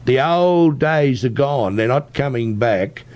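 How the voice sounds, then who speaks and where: An Australian man is being interviewed and explains his views at a medium pitch. He is emphatic and insistent, pressing his points persuasively and tagging sentences with a checking "right?". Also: expressive, slow, a little mellow. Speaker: interview guest, tech entrepreneur.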